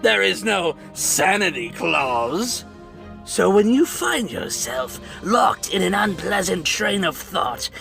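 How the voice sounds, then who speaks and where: A man playing a gleefully mad, bitter villain in a theatrical dramatic monologue, taunting with a gravelly, sharp-edged voice. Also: sits high, exaggerated voice. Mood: grandly mad. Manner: theatrical, swooping from hushed menace to manic shrieks. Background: music.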